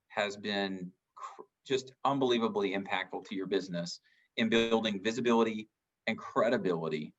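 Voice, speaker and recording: A man co-host with a fairly low voice, recorded on dull, lo-fi audio. He asks his guest a relaxed, conversational question and slips up once before carrying on. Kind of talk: interview questions. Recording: dull lo-fi sound.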